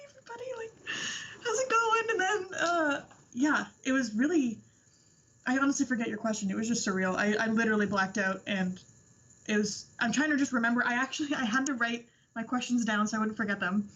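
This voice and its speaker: A woman's voice: a little high, brisk, a bit bright. Bubbly young woman, muffled lo-fi audio. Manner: breathless, gushing, quotes herself a lot. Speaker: interview guest. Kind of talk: excited personal storytelling.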